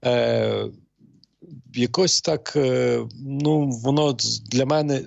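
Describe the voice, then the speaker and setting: A middle-aged man, a priest, talking slowly and hesitantly with many pauses and fillers. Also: mid-range voice, creaky, dry recording, muffled recording. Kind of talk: calm talk show conversation.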